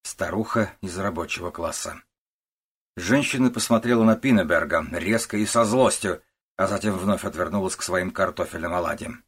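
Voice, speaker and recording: A low-pitched male narrator reads a novel aloud, steady and measured. His voice has a husky, breathy grain. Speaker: audiobook narrator. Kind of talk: scripted narration.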